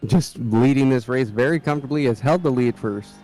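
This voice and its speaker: A man's voice: medium pitch, brisk, darkish tone, faint music behind, poor audio. A man with an American Midwestern accent giving laid-back, chatty live commentary on a sim race.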